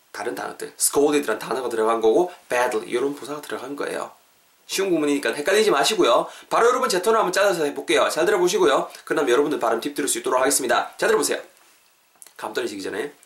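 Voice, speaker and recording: Lively English-teacher host. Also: male voice, a little high. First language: Korean. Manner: lively, drills English phrases slowly, repeats words. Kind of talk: casual podcast lesson.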